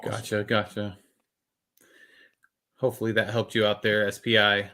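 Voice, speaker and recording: A man's voice: lowish voice, level tone, moderate pace, bright, forceful tone. A man co-hosting a podcast, passing on listener questions in an easygoing way and often saying "gotcha.". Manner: easygoing, says gotcha a lot. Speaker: co-host. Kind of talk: casual podcast chat.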